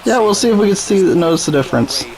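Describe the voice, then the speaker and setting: Talking fast with lively intonation, this young man, a gaming YouTuber, commentates on his own baseball game in a laid-back, self-deprecating way. His high-pitched voice is a little mellow, though his sore, strained throat makes it strained and rough. The home recording is noisy.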